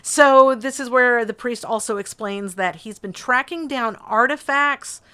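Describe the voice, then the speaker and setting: A woman's voice: fairly high pitch, measured pace, sharp tone, a little hiss or hum. A woman co-hosting a podcast, recapping a film plot in a chatty, wry way. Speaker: podcast co-host. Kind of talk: casual movie recap chat.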